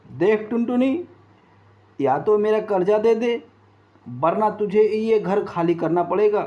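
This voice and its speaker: A man's voice: high voice, lively intonation, slow, pitched above the performer's own voice. A man voicing a greedy male crow moneylender who makes stern demands. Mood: threatening. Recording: dull lo-fi.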